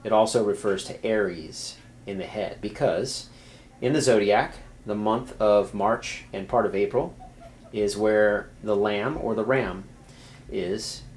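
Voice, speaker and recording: A man's voice: lowish voice, a little slow, darkish tone, slight background noise. A man explaining things casually to viewers, talking off the cuff with many fillers and restarts. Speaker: video creator explaining symbols.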